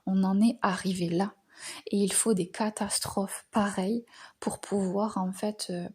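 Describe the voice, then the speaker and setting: Slow, breathy French-born woman musing. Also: medium pitch, steady tone, darkish tone. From France. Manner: hesitant, frequent filler pauses, words trailing off into whispers. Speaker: astrology channel host. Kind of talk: reflective spoken monologue.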